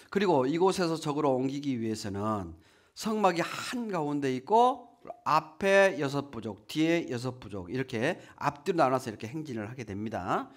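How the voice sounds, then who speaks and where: A man preaching a sermon at a church, often asking the congregation questions and acting out the people he quotes. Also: on the high side. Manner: lively, asks the congregation questions, acts out quotes. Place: church hall.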